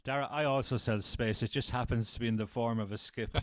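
Middle-aged Irish podcast host, dry sound. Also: male voice, mid-range voice, steady tone, fairly quick, no echo. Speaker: podcast host, sales trainer. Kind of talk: conversational podcast hosting.

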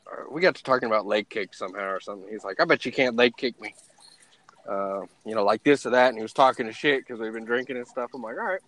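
A man's voice: on the low side, fast talker. A young man hosting a casual podcast about fighting, telling stories with lots of swearing and laughter. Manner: animated storyteller, swears freely, laughs often. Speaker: podcast host.

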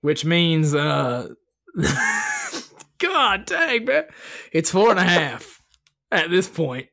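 A man's voice: on the high side, sing-song, slow pace, creaky, bright, forceful tone. A man co-hosting a podcast in casual, profane banter, jokey and full of slang. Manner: slangy, jokey, swears freely. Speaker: podcast co-host.

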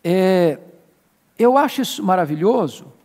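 A male pastor preaching a Bible-study sermon with animated, emphatic bursts. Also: sits high, measured pace, long reverb tail. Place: church sanctuary.

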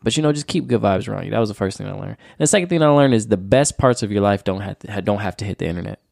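A man's voice: fairly low pitch, lively intonation, very fast, vocal fry, darkish tone, no echo, studio quality. A young man co-hosting a casual podcast chat, upbeat and encouraging. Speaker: podcast co-host.

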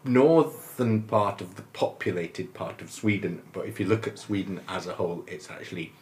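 A man in his fifties from northern England, a musician chatting as a guest in a relaxed, rambling, good-humoured way, often laughing as he talks. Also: low-pitched, moderate pace. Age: 50s. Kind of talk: casual interview chat.

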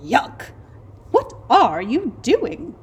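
A woman voicing shrill sarcastic naked mole rats. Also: huge pitch swings, extremely slow, noisy background, heavily acted. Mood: scornful. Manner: shrill, scornful. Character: disgusted sarcastic naked mole rat crowd.

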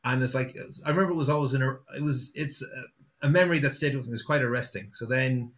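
A man with a west of Ireland accent talks in a bright, forward voice at a middling pitch. He is a musician in a casual interview, telling anecdotes in an unpolished, conversational way. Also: quick pace. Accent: west of Ireland, Sligo. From Sligo, west of Ireland.

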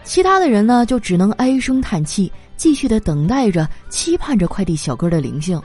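A woman telling comic stories in a lively, animated way, laughing through her punchlines. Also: medium pitch, brisk, faint music behind. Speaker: comedy monologue performer. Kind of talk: stand-up style comic storytelling.

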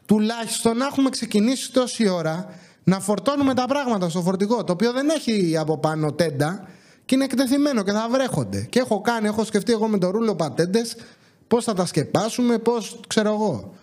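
High-voiced, exasperated male storyteller. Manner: animated, exasperated, quotes others in dialogue. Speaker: podcast host. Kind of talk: comedic storytelling.

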